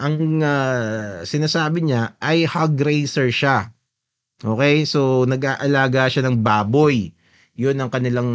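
A man's voice: mid-range voice, highs cut off. A man hosting a podcast, casually commenting on a video as he plays it, mixing Tagalog with English and often checking that his listeners agree. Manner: mixes Tagalog and English, often seeks agreement with a questioning tag. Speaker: podcast host.

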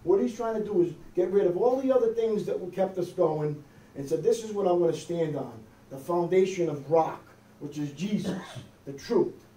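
With lively intonation and a warm voice that sits high, the middle-aged American pastor preaches at normal speed in a conversational manner, regularly asking "okay?" and "amen?". The recording comes from a far camera with no visible microphone in a small wood-paneled church hall, sounding echoey and distant.

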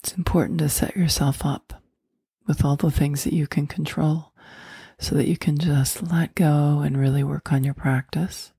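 A woman leading a guided meditation in a soft, soothing voice that often drops into a whisper. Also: deep voice, fairly even intonation, normal speed, gravelly, slightly rough, no echo, clean studio sound.

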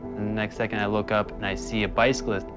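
Young guy, lowish voice, quiet and remorseful, guitar music playing under him. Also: little pitch movement, fast talker. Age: young adult. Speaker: interviewee. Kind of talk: documentary testimony. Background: soft guitar music.

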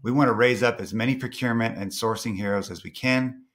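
A man's voice: medium pitch, fast, fairly bright tone. A man speaking as a podcast guest, confident and playful as he talks up his company. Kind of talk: casual interview chat.

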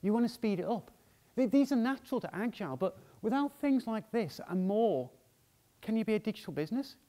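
A man's voice: high-pitched, lively intonation, a little fast, warm tone. A man on stage in a large hall giving a conference talk, chatty and informal, often checking in with the audience with "yeah?". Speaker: conference speaker.

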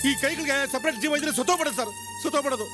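A man's voice: very high-pitched, very fast. An actor playing a comic, complaining male police constable who whines theatrically. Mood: whining. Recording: film soundtrack with music.

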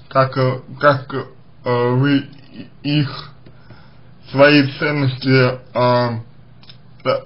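A man answering a listener's question as a psychologist, speaking slowly and haltingly with many hesitations and restarts. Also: medium pitch, highs cut off. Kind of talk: recorded advice monologue.

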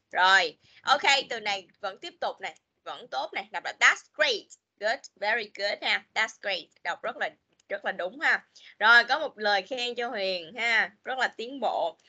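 Bright-voiced woman teacher. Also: mid-range voice. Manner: chatty, repeats "rồi", mixes English words into Vietnamese. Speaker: English teacher. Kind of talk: online class teaching children. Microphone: video call.

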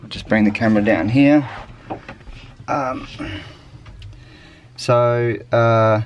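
A man in his forties on a sailboat, talking through an engine repair at a relaxed pace with plenty of ums. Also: mid-range voice, slow, lo-fi sound. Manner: relaxed, matter-of-fact, hesitant with ums. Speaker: sailing vlogger. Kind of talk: casual how-to narration. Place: aboard a sailboat, engine bay and deck outdoors. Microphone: handheld action camera.

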